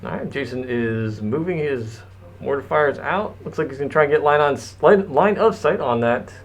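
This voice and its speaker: A man's voice: mid-range voice, expressive, normal speed. A man doing casual live tabletop game commentary, his voice muffled by a face mask. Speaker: match commentator.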